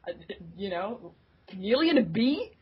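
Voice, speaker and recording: A woman's voice: mid-range voice, moderate pace, husky. A woman telling stories with giggles, as a guest in a casual group interview. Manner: giggly, animated storytelling. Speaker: guest, community staff member. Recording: dull lo-fi audio.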